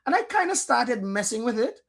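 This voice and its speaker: A man, a guest DJ telling stories in a casual podcast interview, animated and slangy. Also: extremely high pitch, a little fast, gravelly. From Antigua. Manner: animated storyteller, slangy, acts out his own past lines. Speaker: guest DJ and producer.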